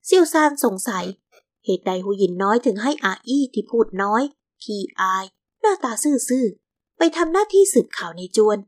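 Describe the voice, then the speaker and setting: A woman with a slightly raised pitch reads a historical romance novel aloud, audiobook style. She gives every character's lines in her own voice, with no separate character voices. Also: very animated, normal speed. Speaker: audiobook narrator.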